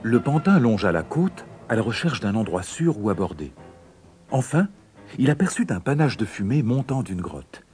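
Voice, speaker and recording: A man reading a children's fairy tale aloud in an expressive, dramatic way. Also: fairly low pitch, normal speed, soft background music. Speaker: narrator. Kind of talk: storybook narration.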